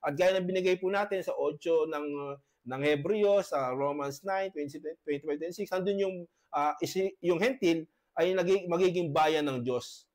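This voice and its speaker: A male pastor giving a debate presentation over a video call, halting often with tag questions and clearing his throat from a cough. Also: on the high side, a little mellow.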